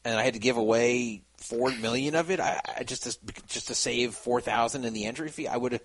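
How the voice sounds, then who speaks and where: A man's voice: mid-range voice, a little fast, slight background noise, poor audio. A man hosting a casual podcast chat, rambling with many restarts and fillers. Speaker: podcast host.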